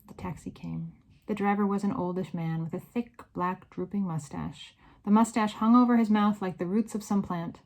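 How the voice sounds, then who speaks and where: A woman reading a children's novel aloud in an expressive, varied storytelling manner. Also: mid-range voice, moderate pace, rough recording. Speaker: read-aloud narrator.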